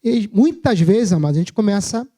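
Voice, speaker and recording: High-voiced Brazilian man preaching. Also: animated, moderate pace, dark tone. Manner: humorous, self-mocking, conversational. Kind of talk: sermon with personal storytelling. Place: church service.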